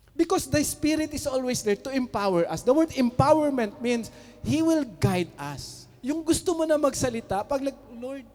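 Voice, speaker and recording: Male pastor, lively swooping delivery, long hall reverb. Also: high-pitched. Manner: animated, mixing Tagalog and English, chuckling asides. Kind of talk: preaching a sermon.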